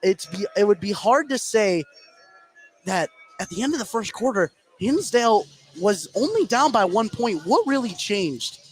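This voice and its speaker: Over clear ambient noise, faint music, and poor audio quality, a man gives live basketball play-by-play for radio. His voice sits high and swings widely in pitch as he moves at a moderate pace through running, conversational fragments.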